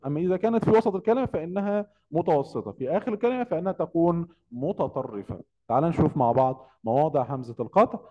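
A man's voice: on the high side, long reverb tail, lo-fi sound. A man with an Egyptian accent teaching an Arabic grammar lesson, asking questions and answering them himself. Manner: quizzing, asks a question then answers it himself.

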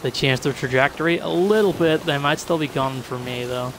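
Brisk and fairly high-pitched, a man provides live commentary while streaming a game, chatting casually with viewers. He thinks out loud and reacts to surprises as they happen, with the game's ocean and ship noise in the background.

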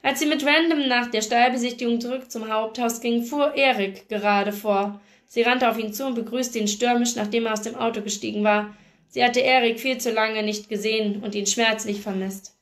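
A woman reading a novel aloud in a steady, expressive way. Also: a little high, moderate pace. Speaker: book reader.

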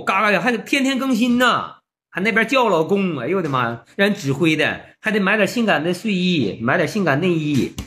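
Man, Northeastern Mandarin accent, bright voice, fairly high, blunt and mocking, storytelling vlog. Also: slight background noise. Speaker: vlogger. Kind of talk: storytelling monologue.

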